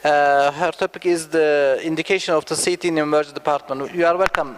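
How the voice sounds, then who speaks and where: A man's voice: a little high, steady tone, brisk, smooth. A man chairing a session, giving a formal conference introduction in a hesitant, stumbling way.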